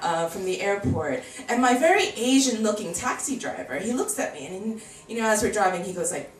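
A woman's voice: medium pitch, brisk, a little hiss or hum. A woman in her thirties with an American accent, doing a chatty stand-up comedy set on a handheld mic in a small bar comedy club. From United States. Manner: chatty, animated, acts out voices in quotes. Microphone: handheld mic, filmed from far camera. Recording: echoey room from far off.

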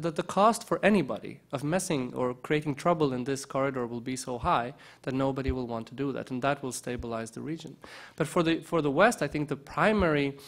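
A man in his forties speaking as a keynote speaker at a conference, answering questions hesitantly with many restarts, at a table microphone in a lounge. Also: medium pitch.

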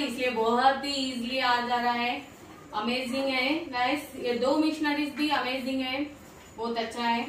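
In a small indoor home gym, a high-voiced woman fitness vlogger gives a casual workout demonstration, upbeat and chatty as she speaks straight to viewers. Her tone is fairly bright, and the camera is set at a distance in a very echoey room, so her voice comes from afar. There's a little hiss or hum.

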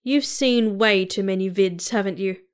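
A woman plays a steady Martian first officer, level-headed and a little dry. He speaks in a plain middle register, as an audiobook side character. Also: medium pitch, normal speed, clean tone, close to an everyday voice.

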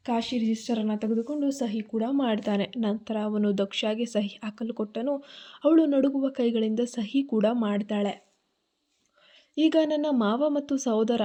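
A woman's voice: fairly high pitch, mellow, muffled recording. A woman telling an emotional family drama as a storyteller. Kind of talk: storytelling narration.

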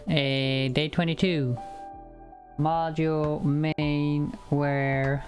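Extremely slow and level, with a voice on the high side, a young programming livestreamer whose first language is Icelandic talks through his code in a casual chat. He's at home indoors on a headset mic, with soft background music and frequent fillers and restarts.

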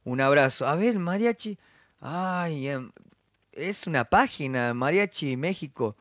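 A man's voice: fairly high pitch, animated, a little slow, fairly bright tone, dry recording, clean studio sound. A man with a Salta Argentine accent, chatting casually on a live stream, reading out viewer comments and greeting people with jokes. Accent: Salta Argentine Spanish. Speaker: musician hosting a live stream.

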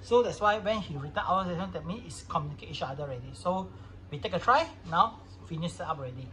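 A product demonstrator talks fast through an informal, hands-on tutorial in casual non-native English. His voice is a little high and sharp in tone, with lively intonation.

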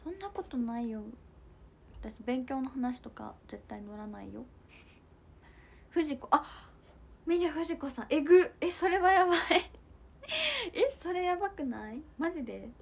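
A woman's voice: high voice, sing-song, measured pace, vocal fry, long pauses. A young woman hosting a casual livestream, chatting with viewers and reading comments in a bubbly, giggly way. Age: young adult. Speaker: idol livestream host.

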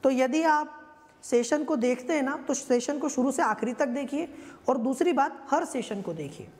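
Her voice is high and expressive, with a darkish tone and a moderate pace, as this history teacher runs an exam-prep lecture. She talks it through conversationally and keeps checking that listeners are following, all under a long, ringing reverb.

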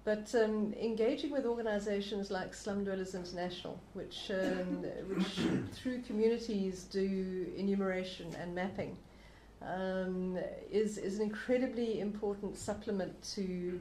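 A woman with a warm, mellow voice answers on a panel, thinking aloud and doubling words. The room is echoey with a light hiss. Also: medium pitch, steady tone, moderate pace. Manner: thoughtful, repeats words as she goes. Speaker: panelist, academic. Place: lecture room.

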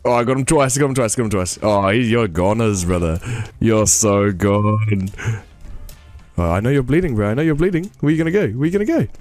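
A young man giving casual gameplay commentary, excitable and laughing often, peppering his talk with "bro". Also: mid-range voice, very fast, few pauses, soft background music. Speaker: gamer.

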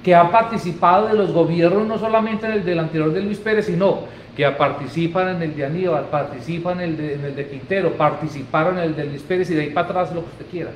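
A man's voice: fairly high pitch, quick pace, hardly any pauses, slight background noise. A man in his forties with an Antioquian Colombian accent, co-hosting a political talk show in an emphatic, colloquial way. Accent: Colombian Spanish, Antioquia. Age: 40s. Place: office studio, indoors. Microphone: desk microphone. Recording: echoey room.

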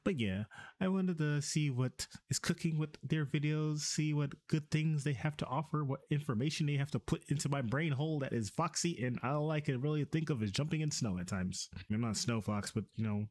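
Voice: medium pitch, fairly quick, darkish tone. A vtuber host giving casual, playful, rambling reactions to online videos.

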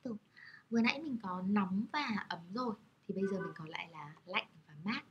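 A woman's voice: mid-range voice, expressive, a little fast, dull audio, a little hiss or hum. A woman teaching Japanese characters, explaining patiently in a friendly, step-by-step way. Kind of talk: explaining lesson over slides.

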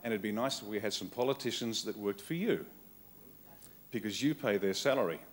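Before a live audience in a conference hall, an Australian man delivers a blunt, wry political keynote in short punchy phrases. His voice is on the low side, and he is animated and fairly quick.

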